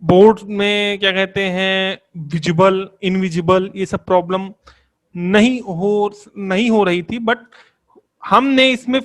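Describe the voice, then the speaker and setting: ऊँची आवाज़ वाला पुरुष शिक्षक. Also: male voice, sits high, steady tone, slow pace, fairly bright tone. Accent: Hindi-accented English words. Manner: explains patiently, repeats terms and asks the class questions. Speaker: English grammar teacher. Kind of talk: online classroom lesson.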